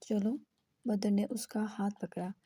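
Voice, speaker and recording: A woman reading a romance novel aloud in a steady storytelling manner. Her voice is very warm and dark with a husky texture. The recording is dry and close. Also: mid-range voice, moderate pace, dry recording. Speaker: audiobook narrator. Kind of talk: scripted narration of a romance novel.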